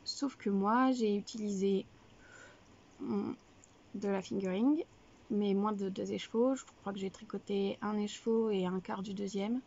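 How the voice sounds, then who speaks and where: A woman's voice: mid-range voice, fairly even intonation, measured pace, creaky, dark tone, dull audio. A young woman hosting a knitting video podcast, chatting casually and rambling with many fillers and self-corrections. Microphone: camera, showing items to viewers.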